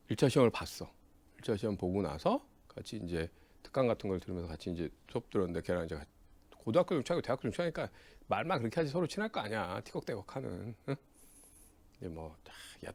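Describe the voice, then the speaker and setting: Blunt male lecturer with a lively voice. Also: mid-range voice, gravelly, dry recording. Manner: tags sentences with a questioning "eh?"; acts out quoted dialogue in lively voices. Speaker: accounting exam lecturer. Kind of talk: lecture with personal anecdotes.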